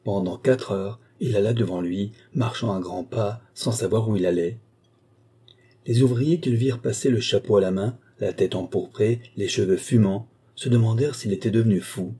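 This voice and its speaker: A man reading a novel aloud in a measured, dramatic narration. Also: fairly low pitch, dark tone, breathy edge. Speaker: audiobook reader. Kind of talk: scripted narration.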